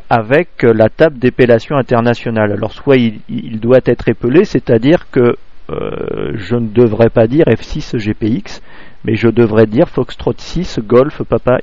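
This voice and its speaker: A man from France giving a spoken amateur radio lesson, halting, full of fillers and restarts, close to a clipping desk microphone. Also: mid-range voice, creaky, a little mellow, no echo, muffled recording.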